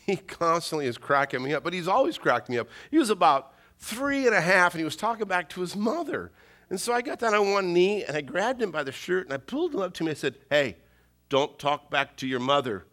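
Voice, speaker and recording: Bright-voiced middle-aged male pastor preaching. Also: high-pitched, sing-song, fast talker. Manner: folksy humorous storytelling; emphatic preaching with repeated phrases. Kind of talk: sermon.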